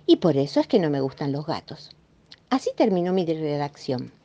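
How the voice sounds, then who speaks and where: A woman with a Rioplatense accent reading a children's story aloud in an expressive, playful way. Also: low voice, moderate pace. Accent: Rioplatense Spanish. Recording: dull muffled recording.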